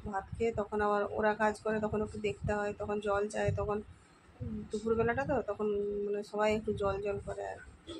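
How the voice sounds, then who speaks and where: A woman with a West Bengal Bengali accent chatting casually at home in a daily vlog, her voice slightly hoarse, often trailing off as she talks. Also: mid-range voice, monotone, fairly quick, background noise. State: voice going hoarse from the heat. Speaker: housewife vlogger. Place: at home, indoors.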